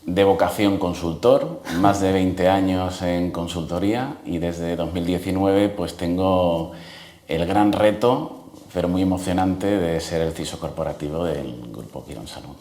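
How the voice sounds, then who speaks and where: A man's voice: low-pitched, a little slow, warm tone, reverberant. A middle-aged man from Spain, a guest speaking easygoingly with many hesitations in a casual interview. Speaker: guest, security executive.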